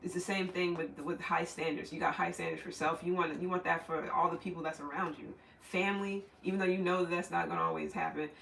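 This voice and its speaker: A man's voice: high voice, vocal fry, bright, forceful tone, roomy sound, far from the mic, a little hiss or hum, poor audio. A man giving a casual, rambling tarot reading, swearing freely and laughing often. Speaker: tarot reader.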